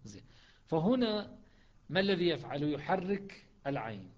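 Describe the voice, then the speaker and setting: A man teaching a lesson on Quranic readings, explaining step by step and slowing into chanted recitation. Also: on the high side, very animated, muffled recording.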